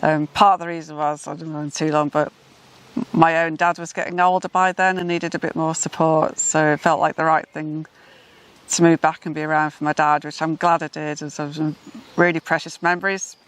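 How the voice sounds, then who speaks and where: Middle-aged woman chatting on a vlog, pretty flat even tone. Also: deep voice, fairly quick. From Manchester, England. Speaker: vlog co-host. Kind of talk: casual chat.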